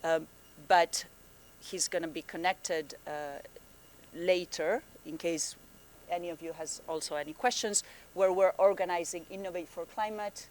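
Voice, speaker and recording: Her voice lowish and her intonation fairly even, a woman program manager presents in a friendly way at a conference. She speaks in a conference room and frequently stalls, using fillers and starting over.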